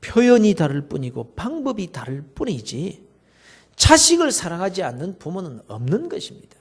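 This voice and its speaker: A male pastor, telling stories in a sermon and swinging from loud to soft. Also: high voice, gravelly. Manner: storytelling, dramatic shifts between loud and soft.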